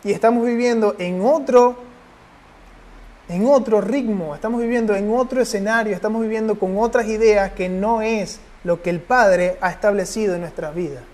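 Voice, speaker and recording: A man's voice: sits high, normal speed, darkish tone. A man preaching a sermon and then leading a prayer, pressing his listeners with urgent rhetorical questions.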